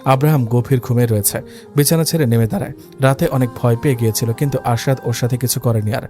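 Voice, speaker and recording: A man narrating a dramatic story in a steady, scripted reading. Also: medium pitch, fast. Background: faint background music.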